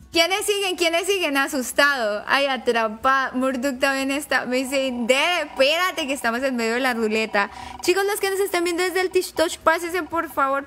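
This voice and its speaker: A woman streaming live to her chat, commentary full of excitable, nervous exclamations. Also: high-pitched.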